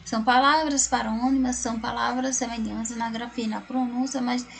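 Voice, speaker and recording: A woman's voice: fairly high pitch, fairly even intonation, moderate pace, creaky. A Brazilian woman teaching a recorded class, explaining word by word and often checking in with tag questions. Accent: Brazilian Portuguese.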